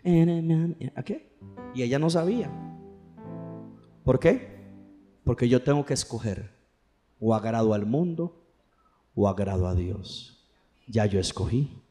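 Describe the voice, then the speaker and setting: A man's voice: medium pitch, expressive, unhurried, long pauses, dark tone, soft background music. A man preaching a fervent sermon in church, urging the congregation to respond aloud. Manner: fervent, rising and falling preaching with call-and-response. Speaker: pastor.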